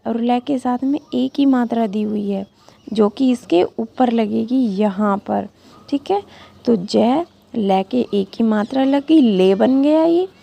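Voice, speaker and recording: Schoolteacher, female, slow and deliberate, a bit high, asks young pupils questions as she reads. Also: gravelly, dark tone. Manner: patient, sounds out syllables slowly and asks the class questions. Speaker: school teacher. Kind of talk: reading lesson for young children.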